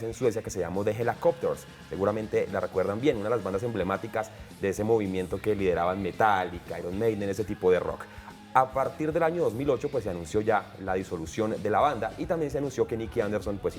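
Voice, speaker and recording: Fast-talking low music presenter. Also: male voice, darkish tone. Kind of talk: TV music segment.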